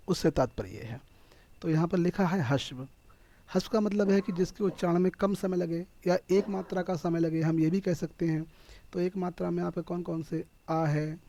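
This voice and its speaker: Male tutor with a Hindi accent, slightly high voice, warm tone, close dry sound, explains step by step for an exam-prep class. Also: dry recording. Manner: explains step by step, asks and answers his own questions. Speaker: teacher.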